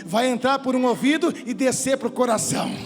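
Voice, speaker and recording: A man's voice: very high-pitched, a little fast, long reverb tail, over music. A male pastor preaching a sermon in a church, fervent and repeating his phrases with cries of praise.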